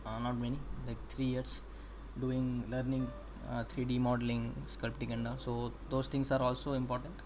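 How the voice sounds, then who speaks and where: Flat-voiced young man with an Indian accent. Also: mid-range voice, over music. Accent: Indian English. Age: young adult. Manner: halting, explains while working, many pauses. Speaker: animation student streaming practice. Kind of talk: casual think-aloud livestream. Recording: steady background noise.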